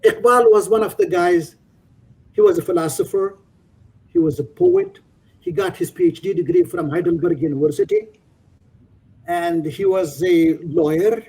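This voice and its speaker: A man giving an informal lecture who stops and repeats words often and fills pauses with "uh". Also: high voice, expressive, dark tone, husky. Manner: halting, repeats words, many fillers.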